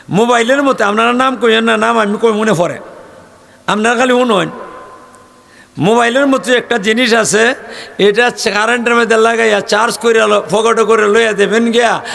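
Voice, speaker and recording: Older preacher, gravelly high voice. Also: male voice, normal speed, slight background noise. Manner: folksy, joking, rising to shouts. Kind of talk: sermon.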